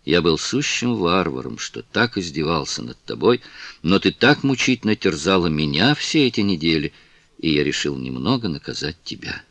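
A composed aristocratic gentleman, read by a man with a deep, low voice, unhurried and measured. The sound is dry and close, with no room around it. He talks with calm authority, the way a storybook lord would. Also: no echo, exaggerated voice. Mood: tender. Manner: slow, measured, condescending calm. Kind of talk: audiobook character reading.

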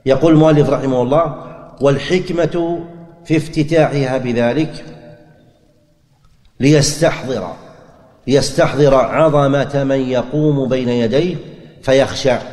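Male religious teacher, mid-pitched, methodical and repetitive delivery, long hall reverb. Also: darkish tone. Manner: deliberate explaining, repeats key phrases, asks and answers his own questions. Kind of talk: classroom lecture on religious rulings.

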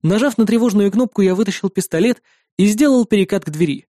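Woman reading a story, mellow dry voice. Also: mid-range voice, fast, no echo. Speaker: audiobook reader. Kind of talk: first-person scripted narration.

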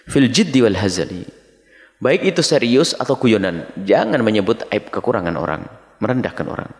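A middle-aged male preacher gives a dawn sermon, reading short Arabic lines and then explaining each one. His voice rises and falls in wide, animated swings. The long reverb of a big hall trails after every phrase. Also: mid-range voice, moderate pace. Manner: reads Arabic phrases then explains them, addresses listeners as his children. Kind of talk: dawn sermon teaching from a text.

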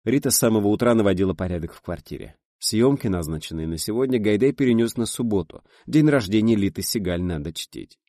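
A man reading a novel aloud as an audiobook narrator, expressive and voicing each character. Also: lowish voice, quick pace, few pauses, no echo, studio quality.

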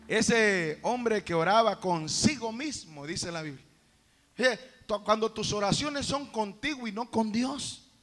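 A man preaching a sermon in a church, swinging from quiet asides to shouted praise. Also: high voice, animated, unhurried, soft background music.

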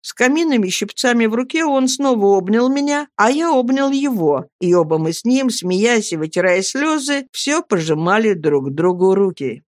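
A reader giving scripted first-person narration of a classic novel in a measured storytelling manner. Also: mid-range voice, lively intonation, no room sound, clean studio sound. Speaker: audiobook narrator.

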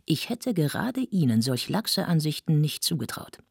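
A woman's voice: deep voice, big pitch swings, normal speed, gravelly, breathy edge, no room sound, clean studio sound, voice pushed up, full character voice. A woman reading a novel aloud, voicing a stern older businessman who speaks in a curt, disapproving way. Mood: indignant.

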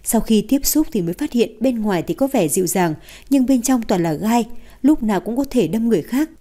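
Mellow woman narrating a romance novel. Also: on the high side, lively intonation, brisk.

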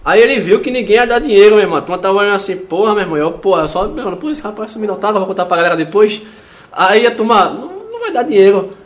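A man, co-hosting a comedy podcast and telling stories in a slangy, animated way that gets loud and laughing at the peak. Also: high voice, very fast. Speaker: podcast co-host. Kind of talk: comedic storytelling chat. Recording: echoey room with faint noise.

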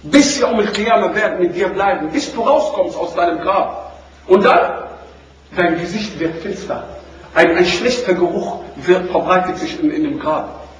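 A man preaching a sermon to a seated audience, moving between loud questions and low, quiet lines and quoting Arabic verses. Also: measured pace, a little hiss or hum. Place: room with an audience. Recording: echoey room recording from far off.

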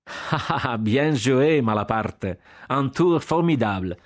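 A man doing a gleeful, shouting officer. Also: medium pitch, expressive, slow, pitched above the performer's own voice. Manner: exuberant, shouting in French phrases. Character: jovial boisterous male officer, laughing.

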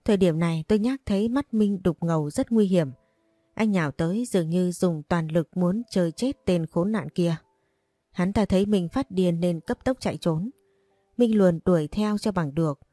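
A woman narrating a first-person story with a steady, expressive reading. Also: on the low side, no room sound.

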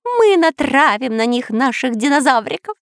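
A woman's voice: high voice, big pitch swings, normal speed, no echo, studio quality, voice pushed up. A woman voicing a cowardly, fawning male pet parrot in a storybook reading, squawky and stammering. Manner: squawky, eager to please, stammering. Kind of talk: storybook narration.

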